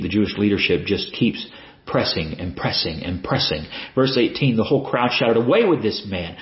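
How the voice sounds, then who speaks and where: A man preaching a sermon, asking rhetorical questions and repeating phrases for emphasis. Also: deep voice. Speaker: pastor. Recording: roomy, dull lo-fi sound.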